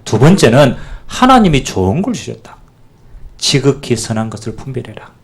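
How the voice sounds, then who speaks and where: A man pastor preaching a sermon, animated and calling out to the congregation for amen. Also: mid-range voice, moderate pace, husky.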